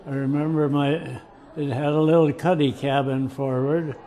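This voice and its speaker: An older man slowly telling a childhood memory, halting and clearing his throat often. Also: fairly high pitch, little pitch movement, dark tone. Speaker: storyteller. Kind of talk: casual storytelling.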